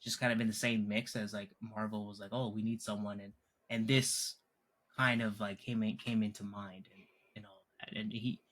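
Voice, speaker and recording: A man's voice: fairly low pitch, flat delivery, moderate pace, fairly bright tone. A man co-hosting a casual film discussion, rambling with lots of fillers and restarts, laughing often. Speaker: podcast co-host.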